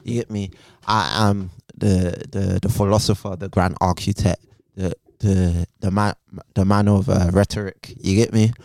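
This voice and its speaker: A man with a low voice and a London roadman accent, talking casually as a podcast co-host. His speech is slangy and keeps checking in with tag questions. The sound is dry, with no room on it. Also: level tone, measured pace, vocal fry, a little mellow, dry recording.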